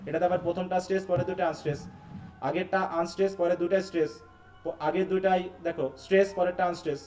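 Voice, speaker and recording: Teaching English in a live online session, this Bangladeshi Bengali-accented man drills his points through repetition and keeps quizzing the class. His high, mellow voice races along with fairly even intonation over soft background music.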